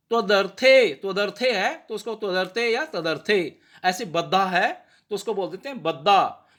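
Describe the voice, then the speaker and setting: A man giving a patient pronunciation lesson, sounding out words slowly and checking in with rhetorical questions. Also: high voice, pushed and bright. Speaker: teacher of prayer pronunciation. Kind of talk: explanatory lesson.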